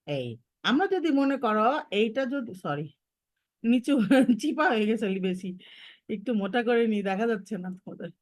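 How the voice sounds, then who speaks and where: High-voiced woman teaching letter sounds. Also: animated, moderate pace, dry recording, clean studio sound. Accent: Bangladeshi Bengali. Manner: patient, encouraging, models sounds repeatedly. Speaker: Arabic pronunciation teacher. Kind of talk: online lesson for children.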